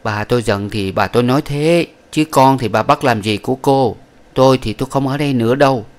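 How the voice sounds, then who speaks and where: A man's voice: mid-range voice, pitched above the performer's own voice, lightly acted. A man voicing a proud young wife. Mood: cold, firm. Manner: cool, measured lecturing. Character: young woman, proud, cold-tempered wife. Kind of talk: audiobook character voice.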